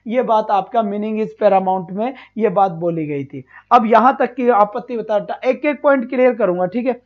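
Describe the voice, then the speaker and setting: Guy teaching an online class, kinda high voice, keeps asking then answering himself, muffled sound. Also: moderate pace. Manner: asks and answers his own questions, repeating each point; praises students warmly, calls them child. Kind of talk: online exam-prep class.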